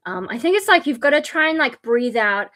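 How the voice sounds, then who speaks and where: Very animated and brisk, a fairly high, slightly bright female voice chats casually about screaming, though she's tired and her voice has worn to fry. She's a streamer and metal vocalist who explains loosely with lots of fillers. She also breaks into harsh unvoiced scream demonstrations.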